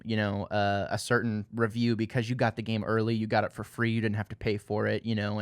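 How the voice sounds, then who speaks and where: A man's voice: fairly low pitch, smooth, dry recording, studio quality. A man hosting a casual gaming podcast, talking in a rambling, friendly way with lots of fillers. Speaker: podcast host.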